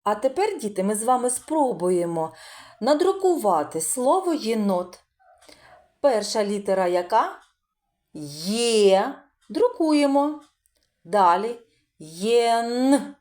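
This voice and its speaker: A woman's voice: on the high side, big pitch swings, slow pace, pauses often, mellow. A woman teaching a literacy lesson to preschool children, speaking in a sing-song teacher's voice that draws out sounds and praises often. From Ukraine.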